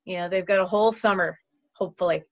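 A woman's voice: fairly low pitch, fairly even intonation, fast talker. Woman interviewer rambling along, lots of "you know", dull lo-fi audio. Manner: chatty, rambling with fillers. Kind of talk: casual interview.

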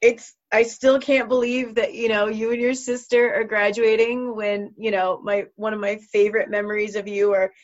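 A woman's voice: mid-range voice, level tone, normal speed, hardly any pauses. Woman interviewer rambling along, lots of "you know", dull lo-fi audio. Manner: chatty, rambling with fillers. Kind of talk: casual interview.

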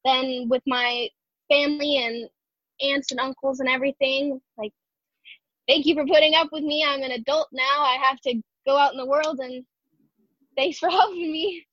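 Giggly high-voiced teen girl. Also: fairly even intonation, no echo, dull audio. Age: teens. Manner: giggly, halting. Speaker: graduating student.

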